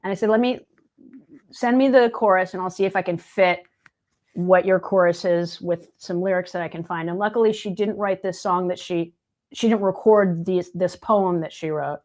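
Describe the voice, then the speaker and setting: A woman in her late fifties, appearing as a guest who sings and edits video, chats casually and tells stories, acting out what others said. Her voice sits fairly low and is slightly mellow, moving at a moderate pace.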